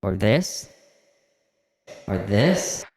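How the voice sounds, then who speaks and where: A man talking through a voice-changer effect, playful and slow. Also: lowish voice, very animated, a little mellow, heavily acted. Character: man's own voice through a pitch changer.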